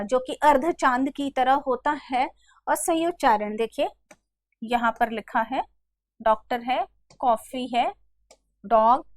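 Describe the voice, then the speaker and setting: High-voiced woman teaching grammar patiently. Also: no echo, clean studio sound. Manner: patient, addresses students as "beta", repeats examples slowly. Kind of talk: online grammar lesson over slides.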